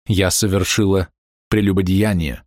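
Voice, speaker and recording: A man's voice: low voice, fairly even intonation, moderate pace, darkish tone, no room sound, studio quality, natural voice. A man voicing a remorseful young wife who confesses her adultery in an anguished, pleading way. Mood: confessing. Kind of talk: audiobook character voice.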